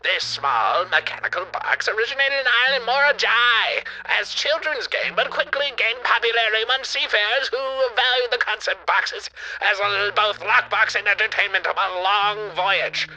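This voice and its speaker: A man's voice: sits high, normal speed, bright, forceful tone, voice pushed up, poor audio. A man putting on a narrator voice to read a game's history entry aloud. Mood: storytelling.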